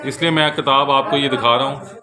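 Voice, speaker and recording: A bookseller with a Pakistani accent gives an informal overview of law books, explaining conversationally and often repeating his points. His mid-range voice moves fairly quickly with fairly even intonation, and crowd noise surrounds him. He's recorded on a handheld camera held in one hand.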